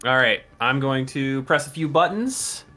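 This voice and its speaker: A man playing a tabletop role-playing game, calmly talking through his character's moves step by step. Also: mid-range voice, a little slow, soft background music. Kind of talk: casual tabletop game talk.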